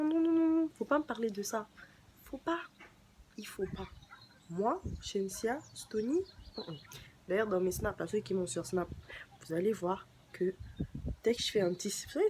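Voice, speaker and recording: Playful young woman, chatty vlog. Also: background noise. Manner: chatty and playful, with sudden jumps in pitch. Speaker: vlogger. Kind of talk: casual talk to camera.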